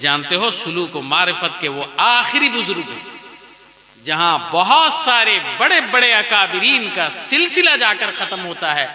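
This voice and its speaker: Bright, echoey preaching man. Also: high-pitched. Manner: animated, addresses the crowd as dear friends. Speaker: Islamic preacher. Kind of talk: storytelling sermon. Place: wedding gathering.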